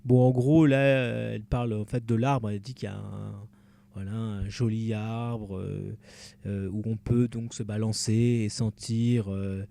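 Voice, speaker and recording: Fairly low-pitched and mellow, with noticeable vocal fry, this man offers casual let's-play commentary at night from home. He rambles, pokes fun at himself, and keeps restarting and using fillers as he plays. Soft music is faintly audible behind him.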